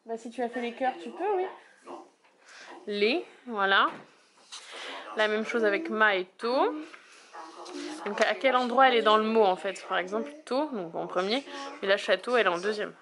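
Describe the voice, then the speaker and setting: A mother chatting casually as she calmly explains her child's schoolwork step by step. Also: medium pitch, moderate pace, a crowd in the background. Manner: explains step by step, calm and practical. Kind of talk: casual chat.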